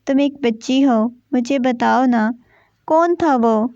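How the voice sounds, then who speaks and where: A stern, short-tempered young husband, as a woman reader puts him on, spoken in her own high voice. The recording is dry and a little dull. It is read like a storybook. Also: a little mellow, clean tone, no echo. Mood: coaxing.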